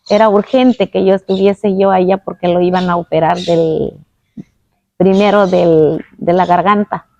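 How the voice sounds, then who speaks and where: A woman telling a personal faith testimony, earnest and halting, with many restarts. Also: medium pitch, darkish tone, no room sound, muffled recording. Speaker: guest giving a testimony.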